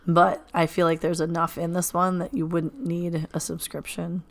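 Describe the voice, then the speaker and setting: A woman hosting a teaching podcast, a little hoarse after nearly losing her voice, chatting casually with many fillers. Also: lowish voice, normal speed. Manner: relaxed, conversational, lots of fillers. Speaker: podcast host. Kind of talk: casual chat.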